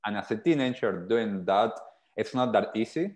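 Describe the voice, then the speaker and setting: A man's voice: on the low side, normal speed, a little mellow. A man in his thirties from Argentina, a podcast guest telling his story in an earnest, reflective way over a video call with earphones. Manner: earnest, reflective, gestures while talking. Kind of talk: casual interview storytelling. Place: small indoor room. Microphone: earphone headset on a video call.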